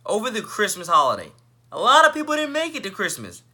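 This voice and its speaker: A man's voice: high-pitched, wildly swooping pitch, fast. A young man from Northeast Florida delivering a passionate, preachy rant to camera in an emphatic, anchor-like delivery. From Northeast Florida, United States. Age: young adult. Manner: emphatic, repeats "ladies and gentlemen", anchor-like delivery. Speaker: vlogger.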